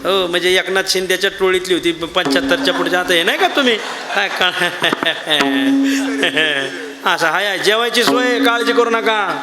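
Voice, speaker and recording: A man's voice: sits high, normal speed. A male kirtan preacher telling a saint's story as a sermon, folksy and joking with a live audience in a large hall. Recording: echoey hall with loud ambient noise.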